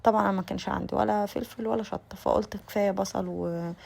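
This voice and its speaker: A young Egyptian woman narrates in a quick, chatty way with an Egyptian Arabic accent. Her voice has a gravelly fry, and she speaks straight to her viewers, stopping and restarting her sentences as she goes. The pitch sits in a middle range. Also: steady tone, a little mellow. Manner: chatty, addresses viewers directly, frequent restarts. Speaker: lifestyle vlogger. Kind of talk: casual voice-over narration.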